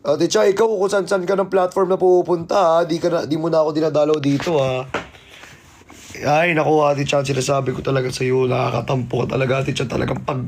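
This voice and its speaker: A man's voice: fairly high pitch, level tone, fairly quick, a little mellow, slight background noise. A man hosting a casual live stream, playfully teasing and thanking viewers by name. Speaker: livestreamer.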